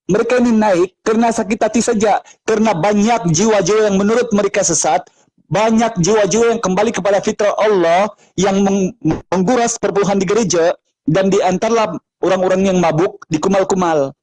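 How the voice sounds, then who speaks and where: A man's voice: high voice, fairly quick, darkish tone, low-quality recording. A man with an Indonesian accent, a preacher in a heated live debate who presses the same question again and again. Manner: insistent, repeats questions.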